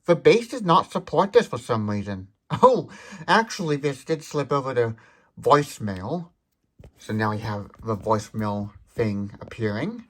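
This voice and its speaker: A product demonstrator with a mid-pitched voice walks through a device unscripted, explaining thoroughly and moving from one detail to the next. His delivery is a little slow and a bit bright, with big swings in pitch.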